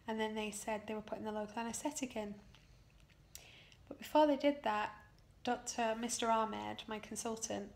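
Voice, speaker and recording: A British woman, exhausted after surgery, talks through her experience in a personal video diary. Her mid-range, gravelly voice is halting and emotional, stressing key words.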